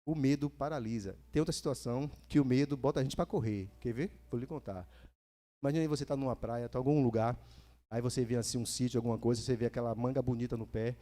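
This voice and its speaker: Brazilian preacher man with a mellow voice. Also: medium pitch, fast. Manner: lively, repeats phrases for emphasis, asks the congregation questions. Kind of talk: sermon. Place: church.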